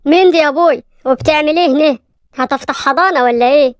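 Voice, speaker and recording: A woman playing an irritable young Egyptian man who snaps and sneers at everyone. The voice is high and rapid, recorded close and dry for a cartoon story. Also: dry recording, lightly acted. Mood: scornful. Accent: Egyptian Arabic. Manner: scornful, snapping, shouting. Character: hot-tempered rich young man of 25.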